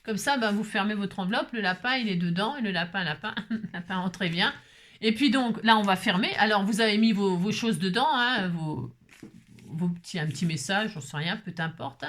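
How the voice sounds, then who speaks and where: A woman's voice: mid-range voice, normal speed, a bit bright. A woman hosting a casual crafting tutorial, chatty and self-mocking, repeating herself and talking straight to her viewers. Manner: chatty and self-mocking, jokes and laughs often; repeats words, talks directly to viewers. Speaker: craft channel host.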